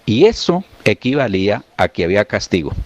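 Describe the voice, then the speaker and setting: Male pastor, deeper voice, earnest teaching tone over a call-in link. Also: very animated, a little fast, background noise. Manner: earnest, explanatory preaching tone. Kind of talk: radio call-in discussion.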